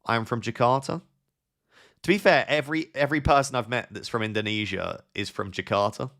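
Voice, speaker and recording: A young man hosting a casual live stream, reading viewers' messages aloud and thinking out loud with quick, offhand advice. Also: medium pitch. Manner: thinks aloud with fillers and restarts. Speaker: live-stream host answering chat.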